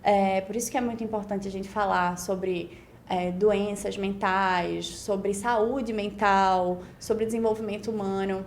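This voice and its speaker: A woman in her twenties with a Pernambuco Brazilian Portuguese accent guests on a casual podcast, telling her story as a beauty pageant winner. She reflects in long run-on stretches, often adding "né?", with a medium-pitched, fairly even voice at a slightly slow pace. Slight background noise is audible.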